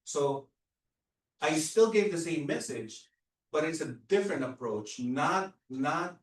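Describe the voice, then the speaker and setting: A man on a discussion panel who speaks hesitantly, with many restarts and pauses. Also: fairly high pitch, lively intonation. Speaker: real estate agent panelist. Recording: echoey room, mic at a distance.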